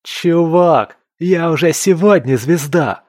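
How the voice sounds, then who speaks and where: A boastful, eager young fighter rattles on in a raised, bright-edged voice, performed by a male audiobook reader. He pushes his words out loudly. The recording is dry and close. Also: medium pitch, expressive, moderate pace, no room sound, voice pushed up. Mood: thrilled. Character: brash excited young male fighter, newly famous. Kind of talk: audiobook character voice.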